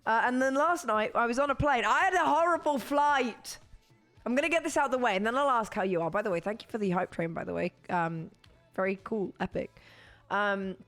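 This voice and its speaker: With soft music playing behind her, a young British woman chats to her stream viewers, hoarse from voice loss, rambling and laughing repeatedly. Her fairly high, fairly bright voice runs a little fast.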